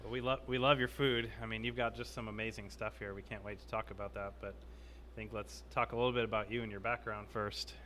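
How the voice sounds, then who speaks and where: A man's voice: on the low side, steady tone, fairly quick, few pauses, fairly bright tone, slight background noise. A man co-hosting a podcast interview at a restaurant, chiming in with friendly, joking asides. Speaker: podcast co-host.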